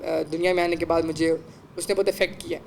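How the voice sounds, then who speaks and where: A man's voice: fairly high pitch, level tone, gravelly, a little hiss or hum. A young man hosting a podcast, telling a rambling story in casual chat and mixing English words into his speech. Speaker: podcast host.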